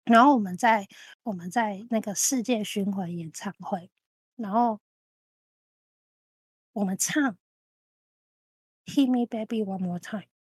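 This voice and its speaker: A woman's voice: medium pitch, a little slow, long pauses, husky, no echo. A woman in her thirties, a podcast co-host, telling a long anecdote in casual chat, repeating phrases as she goes. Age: 30s. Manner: animated storytelling, repeats phrases.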